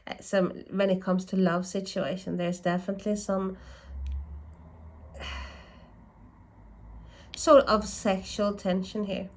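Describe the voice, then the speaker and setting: Speaking slowly with long pauses, a woman with a mid-range voice and little variation in pitch gives a laid-back tarot reading. A lingering cold has left her congested, and she thinks aloud, frequently correcting herself.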